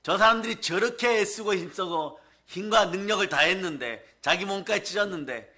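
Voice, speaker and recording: A man's voice: high voice, normal speed, bright, forceful tone. A male pastor preaching a sermon in an emphatic, colloquial way, often asking the congregation for responses.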